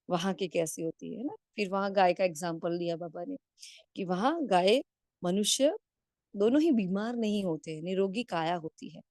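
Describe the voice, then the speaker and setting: Woman, spiritual class teacher, rhetorical questions, tag questions, mid-pitched voice, dry close sound, video call. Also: a little mellow, dry recording. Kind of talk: spiritual discourse.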